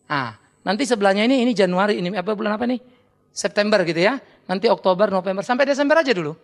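A middle-aged man with an Indonesian accent preaching a sermon as pastor, animated and teasing, acting out his listeners in quick asides. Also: sits high.

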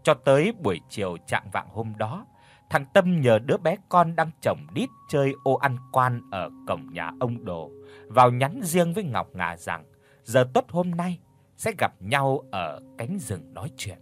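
Man narrating a story, lively pitch. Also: a little slow. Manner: expressive storytelling. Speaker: audiobook narrator.

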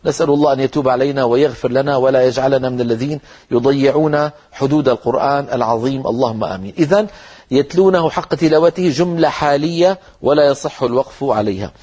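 A man teaching the rules of Quran recitation, explaining points and demonstrating words slowly. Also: medium pitch, a little mellow, husky.

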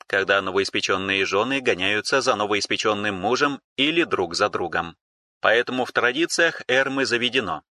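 A man's voice: mid-range voice, sharp tone. A man voicing a female ship AI in an audiobook, dry, formal and sarcastic. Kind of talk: audiobook character reading.

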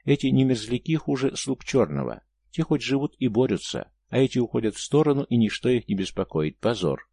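A man reading as a gloomy, taciturn male warrior in a storybook: gravelly, grave and measured. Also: medium pitch, very animated, dark tone, no echo, voice pushed up, heavily acted. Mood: scornful.

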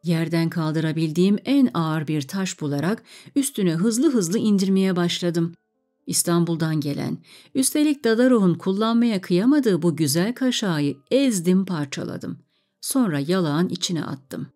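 A woman reading a story aloud in a calm, measured way. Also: on the low side, faint music behind.

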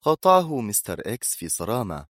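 A male narrator reads a thriller with dramatic expression. His voice is very deep and swings widely in pitch, with a dry, close recording. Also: very animated, fairly quick, a bit bright, no echo. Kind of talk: scripted audiobook narration.

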